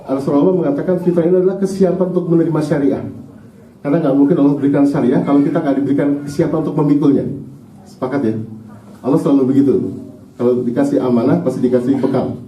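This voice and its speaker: A man's voice: a little high, steady tone, racing, dark tone. A man with an Indonesian accent giving a conversational Islamic parenting lecture to parents in a mosque, often checking in with the audience. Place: mosque hall. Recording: echoey hall, recorded from a distance.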